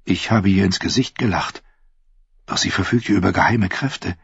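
A man's voice: deep voice, moderate pace, vocal fry, husky, no echo, exaggerated voice. A man reading an audiobook voices a proud, furious queen who gives imperious, cutting commands. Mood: frantic. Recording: dull lo-fi recording.

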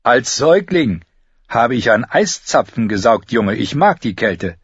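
Brief: a man playing a hardy wild woman, blunt and teasing, voice lifted higher. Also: big pitch swings, unhurried, breathy edge, no room sound, lo-fi sound, heavily acted. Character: tough wild woman, blunt, mocking, fearless.

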